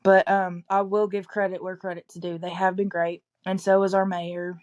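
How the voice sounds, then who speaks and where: A woman's voice: fairly low pitch, little pitch movement, moderate pace, darkish tone, dull audio. A woman with an East Tennessee accent, chatting casually as a local resident giving news, often backtracking and qualifying what she says.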